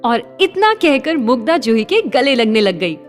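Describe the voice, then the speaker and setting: A woman narrating a scripted audio story in a smooth storytelling delivery. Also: on the high side, big pitch swings, unhurried, soft background music.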